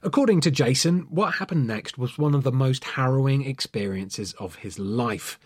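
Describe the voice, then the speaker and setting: Casting: male narrator for a dark story, husky mid-range voice, measured dramatic delivery. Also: medium pitch. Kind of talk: scripted true-crime style story narration.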